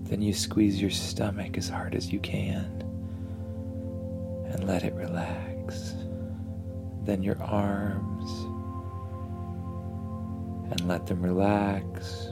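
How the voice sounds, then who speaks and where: A man narrating a bedtime story and guided relaxation in a soothing, hushed, unhurried manner. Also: low voice, little pitch movement, gravelly, over loud music.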